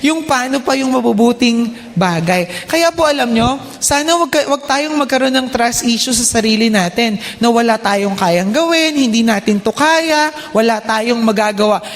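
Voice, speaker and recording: A woman with a Filipino accent preaching a sermon in a church hall, often asking the congregation "Okay?". She has slight trouble with the R sound. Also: fairly high pitch. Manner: polite, checks in with the congregation with "Okay?"; mixes English phrases into her talk. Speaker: church speaker and children's teacher. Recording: long hall reverb.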